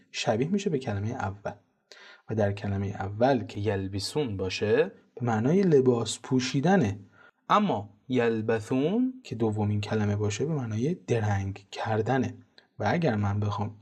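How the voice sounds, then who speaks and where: A man teaching Quran pronunciation, explaining calmly and methodically and chanting example words slowly. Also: fairly low pitch, husky. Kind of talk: instructional lesson on tajweed pronunciation.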